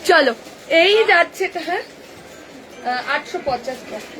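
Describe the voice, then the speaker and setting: A woman with a Kolkata Bengali accent, selling clothes on a live stream, brisk and chatty as she reels off sizes and prices. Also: extremely high pitch, expressive, music in the background, low-quality recording. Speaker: online kurti seller. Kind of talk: live-stream sales pitch. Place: clothing shop.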